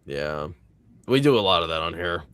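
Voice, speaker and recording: A man's voice: deep voice, animated, normal speed, fairly bright tone, clean tone, dry recording. Rambling male stream host, dry sound. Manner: rambling, reads viewer comments aloud, many fillers. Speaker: host of a movie reaction panel. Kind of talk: casual live-stream chat.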